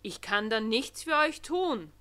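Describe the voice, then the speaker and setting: A woman's voice: a little high, animated, unhurried, bright, forceful tone, clear, resonant tone. A woman voicing a stern old gatekeeper of heaven in a children's storybook.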